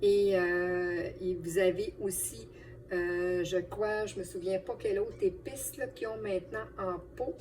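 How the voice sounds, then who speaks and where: A woman's voice: mid-range voice, steady tone, a little slow, darkish tone. A woman with a Quebec French accent chatting to viewers as friends while giving a casual cooking demonstration as a home cook. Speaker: home cook and video host. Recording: distant mic, light background noise.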